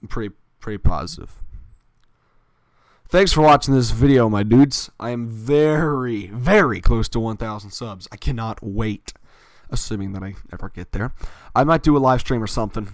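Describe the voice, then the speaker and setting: A man's voice: mid-range voice, fairly quick, no echo. A man telling a personal story in a casual, rambling way, with fillers and little self-corrections.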